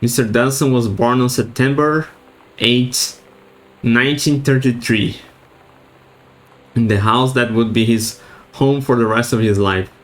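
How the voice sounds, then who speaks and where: A man's voice: mid-range voice, steady tone, unhurried, long pauses, low-quality recording. A man streaming a video game, chatting casually and reading in-game notes aloud, stumbling over words. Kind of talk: casual let's-play commentary.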